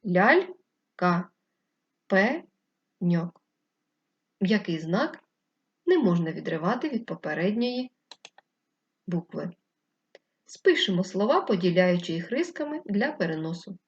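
A woman teacher giving a slow, clear first-grade lesson, patiently spelling words out syllable by syllable. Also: mid-range voice, very animated, a little mellow. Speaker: primary school teacher. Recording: slightly dull lo-fi recording.

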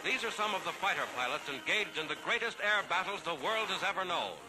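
Over loud music on a vintage soundtrack, a man with an American accent reads scripted 1940s newsreel narration. He has a high, expressive voice and a brisk, declamatory, dramatic announcer's style. The audio is poor.

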